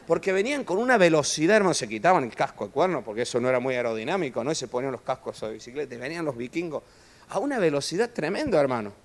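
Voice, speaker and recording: A man preaching a sermon in a church hall, animated and joking with his listeners, often calling them brother. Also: fairly high pitch, rapid-fire. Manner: animated preaching, constantly saying "hermano", jokes with the audience. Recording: long reverb of a church hall.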